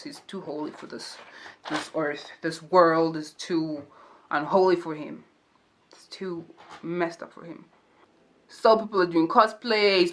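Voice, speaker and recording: A woman's voice: lowish voice, a bit bright. Chatty young woman with slangy asides. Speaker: true crime and makeup YouTuber. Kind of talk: casual storytelling commentary.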